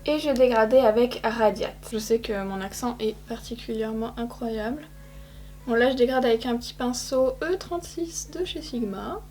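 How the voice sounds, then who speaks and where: A woman's voice: fairly high pitch, normal speed, a little mellow, slight background noise. A young woman talking viewers through her eye makeup in a casual, chatty way, poking fun at herself. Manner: chatty, self-mocking, addresses viewers directly. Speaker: beauty vlogger. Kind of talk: casual makeup tutorial talk.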